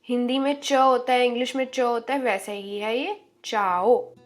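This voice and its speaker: A woman giving an online language lesson, drawing out each word slowly and asking the viewers questions. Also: on the high side, fairly even intonation, soft background music. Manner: slow, drawn-out spelling of each word; encouraging, asks questions to viewers. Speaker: language teacher.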